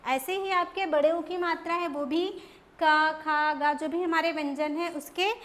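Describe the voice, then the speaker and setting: A woman teaching young children Hindi letter sounds, stretching out each word slowly so they can repeat it. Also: high-pitched, fairly even intonation, a bit bright. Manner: slow, drawn-out syllables for children to repeat. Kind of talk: children's Hindi phonics lesson.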